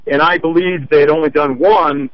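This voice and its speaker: A man's voice: on the high side, fairly even intonation, normal speed, no echo. Man calling in over a muffled phone line. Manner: explains his complaint step by step. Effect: heard over a phone line. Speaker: caller to a consumer-advice radio show. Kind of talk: call-in conversation.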